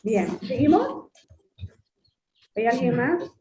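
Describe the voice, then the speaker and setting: A woman teaching a class over a video call, her voice on the high side, patient and repetitive as she keeps addressing the students. The sound is narrow and phone-like, with a roomy echo and a faint hiss underneath. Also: lively intonation, takes it slowly, mellow. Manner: patient, repeats points and often addresses students as "jóvenes". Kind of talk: online class lecture. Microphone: computer mic on a video call.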